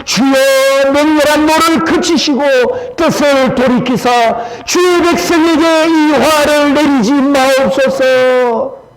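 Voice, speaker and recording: A man's voice: very high voice, steady tone, slow pace, voice pushed up, low-quality recording. A man preaching voices Moses as an old male prophet, lamenting and pleading in an impassioned way.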